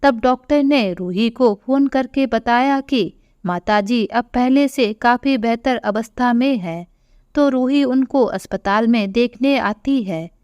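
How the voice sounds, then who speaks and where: A woman narrating a scripted emotional audio story in an even, storytelling manner. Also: fairly high pitch, takes it slowly, clear, resonant tone, no echo, muffled recording.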